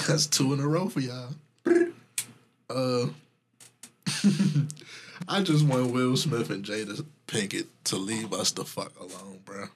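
A man with a husky voice chatting casually in laid-back, slangy frat-bro banter, swearing freely. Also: medium pitch, steady tone, takes it slowly, long pauses. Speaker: podcast co-host.

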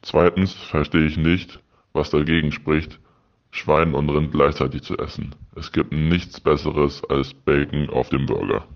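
Very deep-voiced man leaving an answering machine message. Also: a little slow, gravelly. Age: 30s. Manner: deadpan, reads punctuation marks aloud. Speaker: listener caller. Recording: dull lo-fi voicemail recording.

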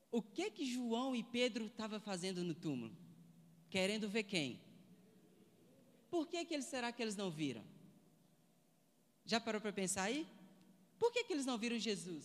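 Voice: medium pitch, big-room sound. A preacher giving a sermon, asking the listeners one rhetorical question after another.

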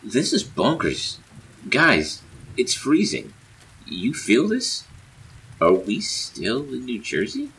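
A man voicing a bold, stubborn woman who shouts scornful outbursts. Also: rumbling low, sing-song, slow pace, long pauses, a little hiss or hum, exaggerated voice, low-quality recording. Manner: loud, sneering outbursts.

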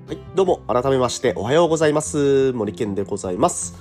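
A man with a scratchy, hoarse throat from a cold, speaking as the host of a casual morning radio monologue in a chatty, polite way. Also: medium pitch, lively intonation, quick pace, a little mellow, faint music behind. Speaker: radio host and cycling tour guide.

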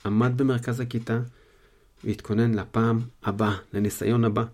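A man's voice: medium pitch, little pitch movement, darkish tone. A man retelling a story to listeners in his own words, casually, with small fillers.

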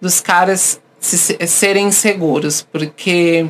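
A woman's voice: fairly low pitch, slow, a little hiss or hum. A woman, a podcast host now interviewed, telling candid personal stories and acting out the people she quotes. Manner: animated, acts out the voices of people she quotes.

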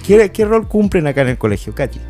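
A man's voice: high voice, big pitch swings, fast, a little mellow, soft background music. A man co-hosting a school podcast, asking the guests questions and teasing them. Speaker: podcast co-host and teacher. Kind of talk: casual school podcast interviewing.

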